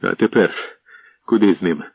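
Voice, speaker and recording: A man voicing a sturdy male fighter who speaks slowly and with contempt, on a dull lo-fi radio recording. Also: deep voice, gravelly, slightly rough, dry recording, full character voice.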